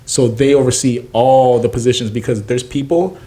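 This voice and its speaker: Animated young man telling stories. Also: medium pitch, normal speed. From Naples, Florida. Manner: animated storyteller, acts out quoted voices. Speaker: guest chef and food truck owner. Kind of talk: casual interview chat.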